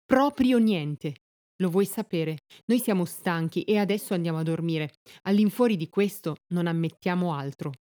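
Woman doing a protective peasant brother, earnest, warm dry voice. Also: sits high, moderate pace, no echo, close to an everyday voice. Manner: earnest, stammering when upset. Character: poor peasant man, protective of his sister.

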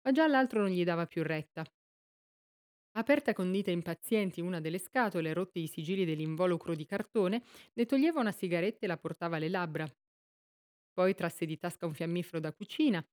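A woman reading a literary novel aloud in a steady, measured storytelling manner. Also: on the low side. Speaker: audiobook reader.

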